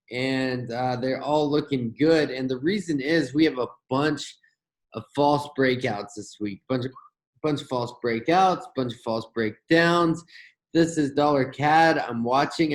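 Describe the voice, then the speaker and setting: A man hosting a trading channel, talking fast and loosely through a screen-share market rundown, with hiccups and gasps between phrases. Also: medium pitch, low-quality recording. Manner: fast, rambling, with fillers and restarts. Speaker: forex trading channel host.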